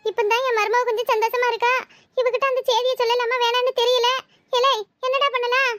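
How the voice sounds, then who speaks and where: A woman's voice: very high-pitched, little pitch movement, brisk, fairly bright tone, no room sound, clean studio sound. A woman voicing a fussy, superstitious older village mother-in-law in a cartoon, with a Tirunelveli Tamil accent and a scolding, fretful way of talking. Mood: fussing. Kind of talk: cartoon voice acting.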